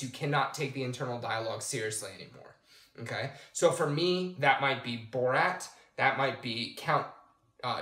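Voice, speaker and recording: A man giving a calm, explanatory coaching lesson to camera, checking in with the viewer as he goes. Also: mid-range voice. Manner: calm, explanatory, addresses the viewer directly with "okay?". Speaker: personal development coach. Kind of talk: instructional talk to camera. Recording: roomy echo.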